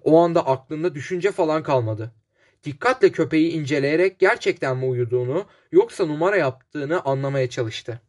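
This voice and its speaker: Male audiobook narrator, slightly high voice, measured storytelling. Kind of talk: scripted narration.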